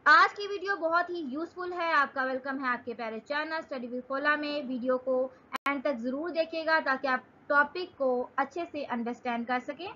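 A young Pakistani woman teaching English in an online lesson. She reads English definitions out slowly and then explains them in Urdu. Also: sits high, pushed and bright, muffled recording.

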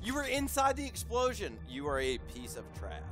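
Young man yelling in party voice chat. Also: high voice. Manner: rowdy, trash-talking, swearing, bursts of shouting. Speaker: gamer. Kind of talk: casual group voice chat while gaming.

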